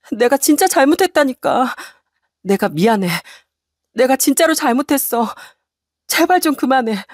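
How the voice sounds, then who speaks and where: Lady putting on a panicky wife voice, high and shrill, begging and desperate, dry close sound. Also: no room sound. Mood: pleading. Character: frantic pleading young wife. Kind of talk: story radio reading.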